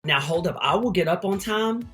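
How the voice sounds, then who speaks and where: A man with a Texan accent, a drag queen telling a sassy, animated story and acting out the voices in it. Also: high-pitched, moderate pace, over music. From Texas.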